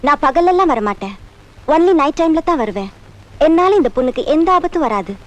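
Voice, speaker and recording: A woman's voice: sits high, expressive, fairly quick. A woman voicing a spirit that possesses a young bride and mixes English phrases into her talk with assurance. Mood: assured.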